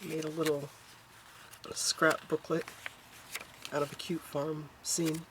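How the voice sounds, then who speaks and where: A woman's voice: sits low, level tone, slow, noisy background. A woman hosting a casual craft journal flip-through from her home craft room, talking in a chatty, homey way with a stuffed-up, nasal voice. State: stuffed up, congested nose. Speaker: craft channel host.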